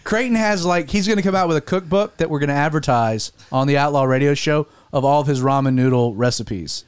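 Talk show host guy, bit high voice, jumps in a lot, dry mic. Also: a little fast, clean tone, dry recording. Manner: chatty interviewer, frequent interjections. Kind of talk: casual chat.

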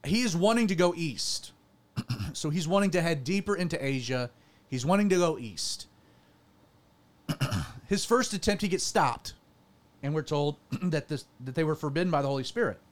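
A man with a fairly high voice teaches scripture in a relaxed, conversational way. He reads passages aloud and breaks off for asides, often clearing his throat. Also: moderate pace, long pauses. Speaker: radio show host teaching scripture. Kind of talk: casual Bible teaching talk.

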